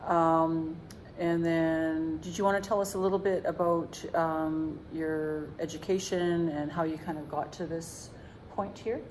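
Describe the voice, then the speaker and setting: A woman's voice: deep voice, fairly even intonation, unhurried, darkish tone, low-quality recording. A middle-aged woman hosting a vlog, asking questions in casual interview chat. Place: indoor council chamber. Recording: faint background noise.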